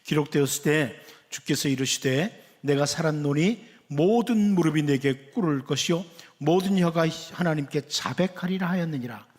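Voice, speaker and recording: A man's voice: fairly high pitch, normal speed, a little mellow. A middle-aged male pastor giving an earnest, conversational sermon and acting out quoted questions. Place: church sanctuary. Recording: long church reverb.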